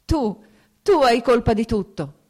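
A woman reading an audiobook, voicing a passionate young society woman who turns ironic and cries out in despair, pitched higher and louder than her narration. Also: very animated, moderate pace, natural voice. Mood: desperate. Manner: ironic, then crying out in despair.

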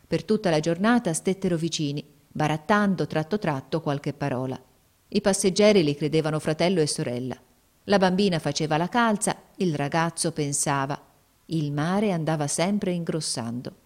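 A woman narrating a story aloud in a steady, measured reading. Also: deep voice.

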